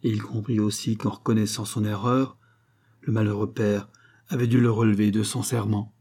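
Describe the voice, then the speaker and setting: A man with a lowish voice narrates an audiobook of a nineteenth-century novel, reading in a measured, expressive way.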